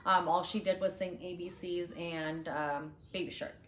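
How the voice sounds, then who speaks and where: A woman's voice: lowish voice, fairly even intonation, moderate pace, a bit bright. A woman co-hosting a casual chat about parenting, talking loosely with fillers and restarts. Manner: chatty, frequent fillers and restarts. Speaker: channel co-host, parent. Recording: roomy with faint background noise.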